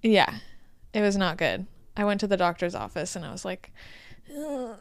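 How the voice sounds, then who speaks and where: A heavily pregnant woman in her late twenties, co-hosting a podcast in casual, rambling chat and quoting herself in lively asides. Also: medium pitch, moderate pace, gravelly, smooth, no room sound, studio quality. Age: 20s. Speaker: podcast co-host.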